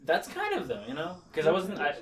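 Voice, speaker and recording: A man's voice: sits high, huge pitch swings, a little fast, recorded from a distance, a crowd in the background. A man from Canada commenting casually on a video game, chatty and laughing often. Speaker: let's play host.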